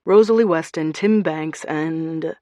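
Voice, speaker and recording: A woman narrator voicing an eager young man sharing what he dug up, in an excited, confiding way. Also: low-pitched, takes it slowly, no echo, clean studio sound. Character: eager young man, a friend digging up records.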